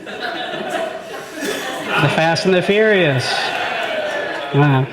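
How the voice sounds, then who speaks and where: A man's voice: on the high side, animated, extremely slow, low-quality recording. A young man doing a rambling, brash stand-up comedy set on stage, acting out his friends' voices. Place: comedy venue with live audience. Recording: live room with audience crowd.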